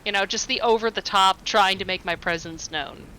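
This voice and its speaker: A woman's voice: mid-range voice, moderate pace, bright, forceful tone, a little hiss or hum, poor audio. A woman playing a tabletop game, chatty and eager, with a laugh now and then. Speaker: player. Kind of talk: casual tabletop play.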